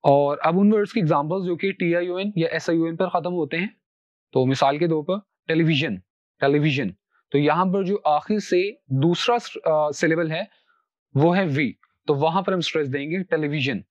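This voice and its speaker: A man's voice: a little high, dry recording, muffled recording. Man teaching pronunciation in Urdu. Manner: explains in Urdu, repeats each English example word slowly. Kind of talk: recorded lecture.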